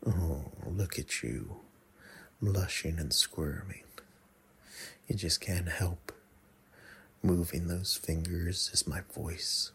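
A man in an intimate ASMR role-play, murmuring breathily right into the listener's ear, coaxing and teasing with many pauses. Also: deep voice, a bit bright, a little hiss or hum. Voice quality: breathy, husky. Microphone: close mic.

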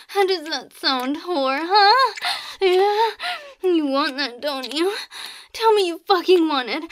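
Woman voicing a very high-pitched, bossy goblin maid. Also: slight background noise, full character voice. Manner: taunting, commanding, breathy sighs and gasps. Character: small bossy crude female goblin hotel maid, domineering. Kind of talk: adult audio role-play, addressing the listener.

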